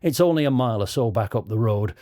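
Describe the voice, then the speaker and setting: A man voicing a calm, practical young man who leads his friends, with a British accent. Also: mid-range voice, fast, dry recording, studio quality, close to an everyday voice. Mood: concerned.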